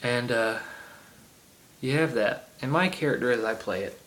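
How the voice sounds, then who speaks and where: A man with a heavy Southern accent and a mid-range, fairly bright voice talks at normal speed through a casual game rant. As a chatty gaming vlogger he drifts into ums and side tangents, recorded on an iPod camera.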